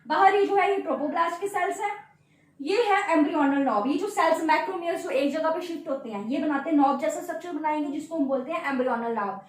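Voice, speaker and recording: A female biology teacher with a very high voice lectures at a quick pace at the board, checking in with her students again and again. She often repeats key terms as questions, answers them herself, and uses tag words to check in. She sounds distant and off-mic in a heavily echoing room.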